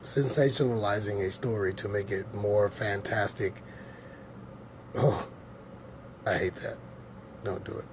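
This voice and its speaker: A man's voice: lowish voice, unhurried, long pauses, noisy background. Rambling man teaching scripture casually. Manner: rambling, emphatic, repeats himself. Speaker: host of a scripture teaching show.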